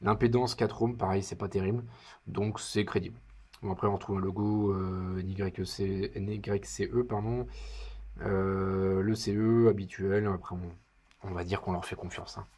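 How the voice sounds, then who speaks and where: A man's voice: low voice, fairly even intonation, normal speed, warm tone. A man giving casual unboxing commentary in his living room, chatty and hesitant with wry asides. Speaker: product reviewer.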